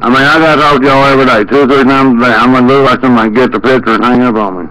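A mid-range male voice talks rapid-fire during a prank phone call, complaining in a folksy, rambling, repetitive manner full of exclamations. The prank recording is noisy, with steady background noise.

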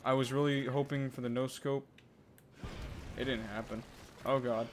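A young man giving live commentary on a shooter game, frustrated and swinging between yelling and muttering. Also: medium pitch, fairly even intonation, moderate pace, background noise. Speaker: gaming YouTuber. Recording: game gunfire loud behind voice. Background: game gunfire and explosions.

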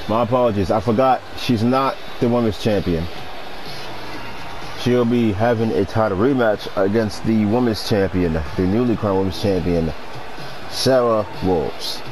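A man working as a wrestling commentator, giving excited play-by-play in short, punchy exclamations. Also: fairly low pitch, low-quality recording.

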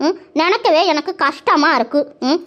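A woman's voice: very high voice, animated, normal speed, fairly bright tone. A woman voicing a bossy, nosy older village woman in a cartoon who scolds the son. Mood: scolding. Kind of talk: cartoon voice acting. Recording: dull lo-fi sound.

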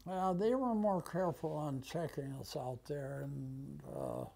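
An elderly American man in his nineties, a war veteran being interviewed, reminisces conversationally in a very slow, halting way with long pauses. His aged, warm voice sits a little high, swings widely in pitch, and carries vocal fry. He's recorded on a lapel mic in a small indoor office.

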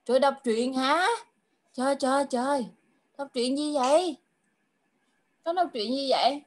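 A woman tutoring a child in an online English lesson over a video call. She coaxes him patiently, repeats her questions, and draws her English clues out slowly. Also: sits high. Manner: slow, drawn-out English clues.

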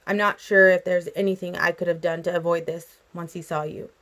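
A woman voicing a brooding, protective young male vampire in a storybook reading, speaking low and grave. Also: steady tone, a little fast, fairly bright tone, lightly acted.

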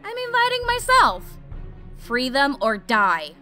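A woman's voice: sits high, wildly swooping pitch, slow pace, bright, forceful tone, faint music behind, heavily acted. A woman voicing a fierce young female fire mage in an audio drama, with defiant, fiery outbursts.

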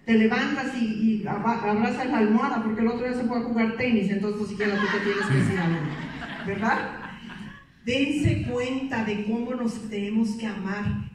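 Woman, motivational speaker, higher voice, teasing and lively, far off in an echoey hall. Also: normal speed. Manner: lively, playful, teasing the audience with questions. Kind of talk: motivational talk to a women's meeting. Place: meeting hall.

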